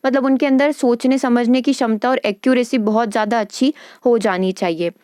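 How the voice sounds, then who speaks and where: Woman lecturer, mellow and smooth, explaining patiently with frequent check-ins. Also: a little high, steady tone, dry recording, studio quality. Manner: explains in Hindi with English terms and quick check-ins; reads English lines slowly and carefully. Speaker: teacher. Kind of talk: lecture on English teaching.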